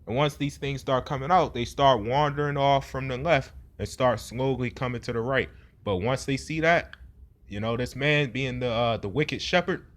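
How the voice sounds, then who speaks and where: A man's voice: medium pitch, moderate pace. A man giving an informal sermon in a rambling way, with many fillers and frequent rhetorical "right?" questions. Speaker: preacher.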